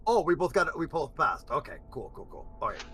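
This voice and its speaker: A man's voice: a little high, very animated, fairly quick, crowd noise. A man playing a tabletop game, playful and joking. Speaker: player. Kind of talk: tabletop role-play chat.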